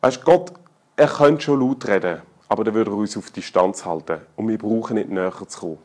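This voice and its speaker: His voice on the low side and slightly rapid, a middle-aged man with a Swiss German accent gives a sermon that's casual and humorous. He swings from loud appeals to hushed, personal passages.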